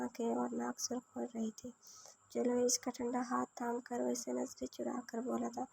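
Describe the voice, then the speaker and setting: A woman reads a romance novel aloud in a steady, even voice. Her tone is gravelly and low-key, with the pitch held almost level. The sound is mellow rather than bright. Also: a little hiss or hum, low-quality recording. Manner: flat, even read-aloud delivery. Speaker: narrator.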